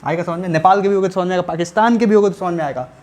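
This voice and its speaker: Fast-talking male physics teacher. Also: sits high, a little mellow. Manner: repeats checks for understanding, chatty and colloquial. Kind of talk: classroom lecture at a whiteboard.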